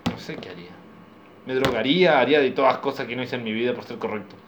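Low-key young man, Rioplatense accent. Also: fast, noisy background. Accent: Rioplatense Spanish. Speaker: podcast co-host. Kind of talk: casual chat.

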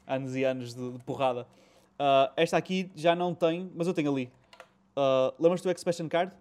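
Speaking at normal speed, this host has a slightly mellow voice on the high side and a European Portuguese accent. His casual retro gaming chat is full of slang, swearing, and English words dropped in.

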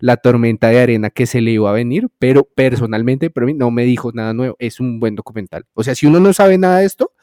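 A man's voice: mid-range voice, quick pace, hardly any pauses, warm tone, dry recording. Opinionated man, dry sound. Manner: opinionated, explanatory. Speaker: podcast co-host. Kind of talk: casual review chat.

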